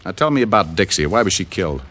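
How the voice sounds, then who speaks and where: In a 1940s-50s radio crime drama, an actor voices a tough, wry private detective and hard-boiled narrator, with an American accent and clipped, needling lines in a hard, accusing mood. His low voice is very animated, fast, a bit bright, and heavily acted, on an old radio recording with music behind.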